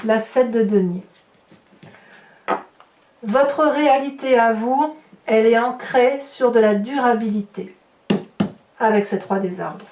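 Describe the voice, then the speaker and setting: Here the tarot-reading host sounds a little high and a little mellow, talking slowly with long pauses while improvising for viewers and reacting to the cards with exclaimed, astonished remarks. Background noise, a far-off mic, and a roomy echo color the audio.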